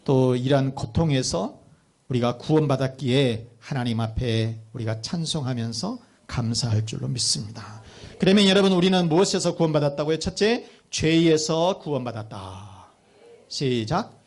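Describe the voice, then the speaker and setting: A male pastor preaching a sermon in a church, telling a story in an animated way with emphatic swings in his voice. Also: medium pitch, normal speed.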